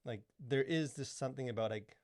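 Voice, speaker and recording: Co-hosting a podcast on culture and faith, a man chats casually and wanders off on tangents, leaning heavily on "like" and "you know." He speaks fairly quickly in a medium-pitched, darkish voice, with studio-quality sound and no room tone.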